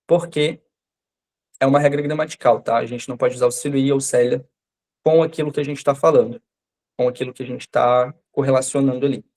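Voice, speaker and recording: A male language teacher whose first language is Portuguese, running a live online French class. He speaks at an ordinary pitch and explains grammar patiently, stopping often to check that his students understand. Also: fairly even intonation, brisk, a little mellow.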